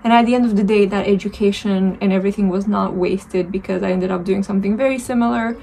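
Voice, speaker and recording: This beauty vlogger, a Romanian woman in her twenties with a matching accent, speaks quickly and steadily to the camera as she does her makeup, musing casually with frequent fillers and restarts. Her medium-pitched voice is dark and creaky, and her throat sounds dry. The low-quality recording carries slight background noise.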